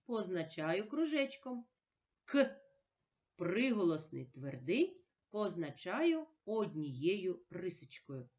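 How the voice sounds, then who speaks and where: A woman teacher giving a recorded lesson for young children. She spells out sounds one at a time and asks questions, then answers them herself. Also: medium pitch.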